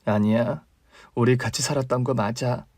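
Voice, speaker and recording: A man voicing a caring older sister in a radio drama reading, calm and consoling in a low, quiet tone. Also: normal speed, no room sound, studio quality, lightly acted. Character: young woman, steady caring older sister.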